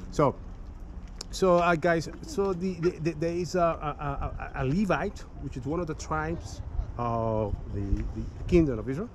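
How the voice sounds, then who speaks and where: Out on a city street, a man leads a chatty history tour, his slightly high voice moving a little slowly over faint background noise in a rough camera-mic recording. He keeps saying "guys," "okay" and "right," often restarts his sentences, and lets out small laughs.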